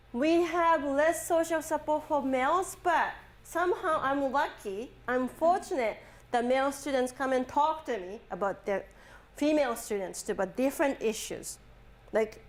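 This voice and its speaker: A woman with a fairly high voice teaches a psychology class in a chatty, storytelling way. She moves from personal anecdotes into definitions and animates the lines she quotes. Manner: animated, acting out quoted dialogue. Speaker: psychology professor. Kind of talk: classroom lecture.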